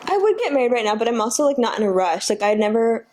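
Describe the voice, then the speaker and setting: A woman's voice: a little high, very animated, fast, a crowd in the background, low-quality recording. A young woman co-hosting a podcast, giggling and teasing her partner with playful what-if questions. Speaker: podcast co-host. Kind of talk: casual chat.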